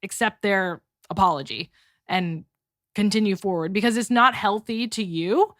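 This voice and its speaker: A woman's voice: mid-range voice, moderate pace, no echo, studio quality. Young woman with a slight lisp. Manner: soft agreeing, reflective talk. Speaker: podcast co-host. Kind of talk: casual chat about marriage.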